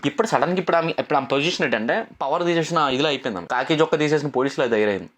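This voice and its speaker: A man's voice: on the high side, expressive, a bit bright. A young man giving a casual, opinionated reality show review, repeating himself and mixing in English words. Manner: rapid, repetitive, mixes English words, argumentative.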